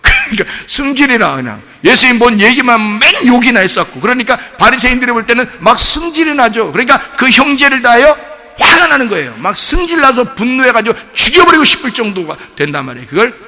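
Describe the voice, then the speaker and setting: A man preaching a sermon as pastor, animated, asking the congregation rhetorical questions. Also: very high voice, fairly quick. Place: church sanctuary. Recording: long church reverb.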